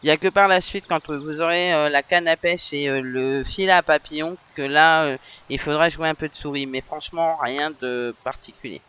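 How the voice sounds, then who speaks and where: A man's voice: fairly high pitch, moderate pace, bright, forceful tone, smooth. A man with a northern French accent giving casual, chatty let's-play commentary, with frequent hesitations. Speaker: gaming streamer.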